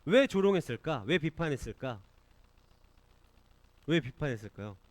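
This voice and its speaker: Male children's preacher, high and lively, asks the kids questions, dry close sound. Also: normal speed, no room sound. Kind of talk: children's sermon. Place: church classroom.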